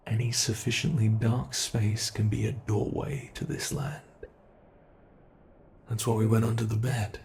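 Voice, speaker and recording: A British man plays a predatory male monster lurking under the bed in a horror roleplay, his lowish voice creaky and dark. Slow and playful, he taunts his prey and drops into whispers, with slight background noise present.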